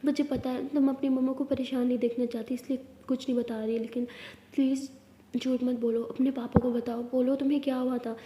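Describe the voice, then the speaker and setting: Gentle quiet dad coaxing his kid, woman reading his part, lower and softer, echoey. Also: little pitch movement, a little fast, close to an everyday voice. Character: calm caring middle-aged father, soft and gentle. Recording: echoey room with long reverb.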